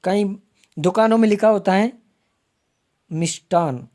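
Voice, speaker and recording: Slow, mellow-voiced Hindi grammar teacher. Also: male voice, high-pitched. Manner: slow, repeats words to spell them out; addresses viewers as friends. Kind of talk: exam-prep lesson.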